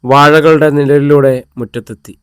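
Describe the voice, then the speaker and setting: A man narrating a serialized audio story in an even, measured reading voice on a close mic. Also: on the high side, clean tone, no room sound.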